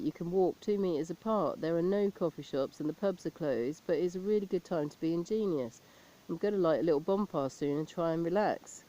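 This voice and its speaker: Deadpan woman with a mellow voice. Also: on the low side, rough recording. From abroad, not England. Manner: deadpan list-making delivery. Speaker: stand-up comedian. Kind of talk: deadpan comic monologue.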